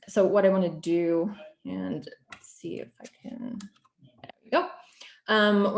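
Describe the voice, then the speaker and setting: A woman from Portugal, a non-native English speaker working as a program coordinator, gives a guest presentation over a video call. She is fluent but uses frequent ums and restarts, and her fairly low, darkish voice sounds echoey.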